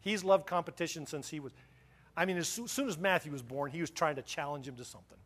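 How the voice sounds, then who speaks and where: Brief: middle-aged male pastor, high-pitched, fervent sermon delivery with stumbling repeats. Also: fast, fairly bright tone. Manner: impassioned, repeats words and restarts, chuckles between points.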